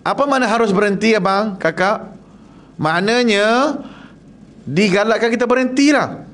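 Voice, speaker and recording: High-voiced Malaysian man teaching Quran recitation. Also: normal speed. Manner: lively, jokey, quizzes the class and demonstrates Arabic sounds. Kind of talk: Quran recitation class in a prayer hall. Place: prayer hall.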